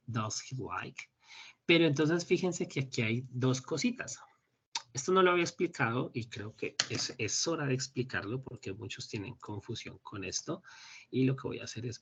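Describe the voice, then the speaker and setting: A man teaching an English class over a video call, explaining in Spanish and slowly modeling English phrases. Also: medium pitch, husky. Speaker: English instructor. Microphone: computer mic on a video call. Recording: dull lo-fi meeting recording.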